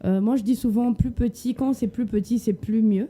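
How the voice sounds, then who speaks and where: A woman's voice: on the high side, steady tone, moderate pace, dark tone. A woman giving casual, plain-spoken answers as an interview guest. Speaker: guest event organiser.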